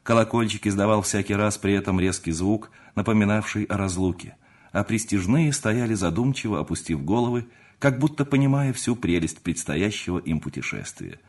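A man reading a classic novel aloud as an audiobook narrator, expressive and measured. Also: on the low side. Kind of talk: scripted narration.

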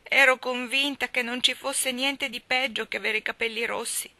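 A woman's voice: medium pitch, normal speed, gravelly, bright, forceful tone, dry recording, voice pushed up. A woman reading a storybook and voicing a young red-haired orphan girl who talks with theatrical despair. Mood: wailing.

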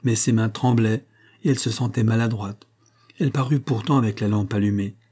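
A man narrating a novel in a measured, even storytelling manner. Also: on the low side. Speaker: audiobook narrator. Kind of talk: scripted narration.

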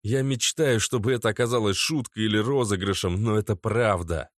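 A man's voice: fairly low pitch, fairly quick, dry recording, studio quality, lightly acted. A man voicing a nervous young boyfriend who earnestly pleads to be believed.

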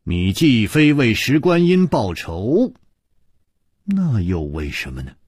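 A man voicing a calm shrewd hero in a storytelling performance, measured and slow. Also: mid-range voice, slightly rough, dry recording, studio quality, voice pushed up, heavily acted. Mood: puzzled.

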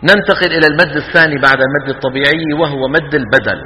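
A man's voice: fairly high pitch, racing, a little hiss or hum. A man teaching Quran recitation to a class, demonstrating vowel lengths and quizzing his students. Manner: lively, asks the class questions and demonstrates long vowels. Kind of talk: classroom lecture. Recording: hall with long reverb.

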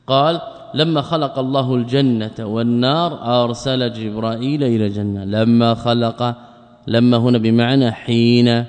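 A man's voice: mid-range voice, a little mellow. Man, sheikh, lesson commentary, rhetorical questions to students, long hall echo. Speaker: sheikh teaching a creed text. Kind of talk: lesson commentary on a creed text.

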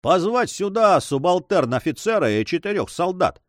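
Man doing a haughty noble count, audiobook, commanding, threatening, lively pitch, close dry sound. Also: moderate pace, no echo. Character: proud, hot-tempered male nobleman, a count. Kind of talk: audiobook reading.

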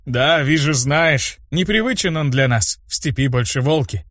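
A burly orc tavern keeper from a storybook, proud and hearty in his talk, as a male narrator voices him. His voice rises and falls with lively energy. The recording is close and dry. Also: on the high side, normal speed, no echo.

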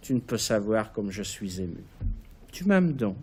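A man's voice: fairly low pitch, big pitch swings, unhurried, darkish tone, slightly rough, full character voice. Caligula, a man reading a mocking emperor. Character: capricious, mocking male emperor. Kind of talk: author reading his play aloud.

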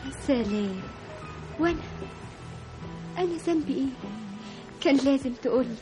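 A woman's voice: expressive, moderate pace. An actress playing a young woman in love who learns she was deceived, tearful and pleading, in an old radio drama. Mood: hurt, bitter. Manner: tearful, pleading, breaks into high cries. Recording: radio drama with music behind.

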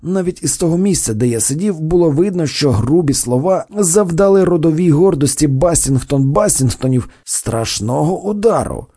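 A man narrating an audiobook in an expressive, wry storytelling manner. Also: fairly high pitch, normal speed, hardly any pauses, slightly rough.

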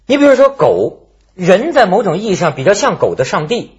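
A man's voice: sits high, sing-song, brisk, breathy edge, highs cut off. A man hosting a casual panel discussion, talking colloquially and thinking aloud through questions. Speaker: talk show host.

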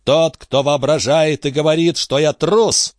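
A man's voice: a little high, fairly even intonation, unhurried, no room sound, clean studio sound, pitched above the performer's own voice, natural voice. A man voicing an indignant young nobleman whose honor is insulted.

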